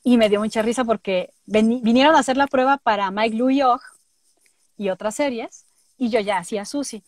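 A woman with a Mexican accent tells stories in a lively way, slipping into quoted voices as she goes. Her voice sits a bit high and sounds close and dry. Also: fairly quick, dry recording. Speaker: voice actress. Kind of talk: casual interview storytelling.

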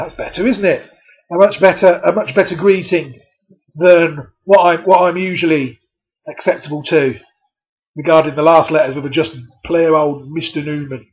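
Guy reading out a letter and mocking it as he goes, voice a bit on the high side, muffled lo-fi sound. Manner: sarcastic, scoffing asides. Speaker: community media presenter. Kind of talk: reading a letter aloud with running commentary. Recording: dull lo-fi recording.

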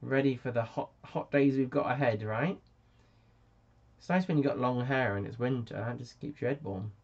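A man's voice: medium pitch, moderate pace, a little mellow, slightly rough. A man hosting a casual live stream, chatty and self-mocking as he answers viewers. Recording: dull lo-fi sound.

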